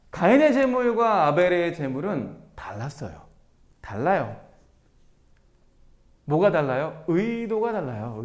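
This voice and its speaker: A man teaching a Bible passage to viewers, animated and firing rhetorical questions at them. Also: fairly high pitch. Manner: addresses listeners directly as everyone. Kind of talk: Bible teaching to a video audience.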